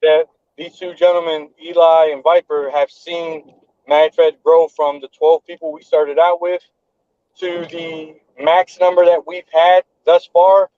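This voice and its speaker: A man in his thirties hosts a podcast over a remote call, earnest and prone to repeating himself as he builds a point. His voice sits a little high. The audio is dull and dry. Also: flat delivery, unhurried, clean tone, dry recording. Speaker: podcast host and event organizer. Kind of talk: casual chat.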